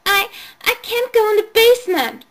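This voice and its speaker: A tiny girl stammers with fear in a thin, piping voice, as a woman reads her aloud. Her pitch sits far above an adult's. This is a storybook reading. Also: very animated, normal speed, a bit bright, slight background noise, full character voice. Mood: frightened. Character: frightened little girl, about three.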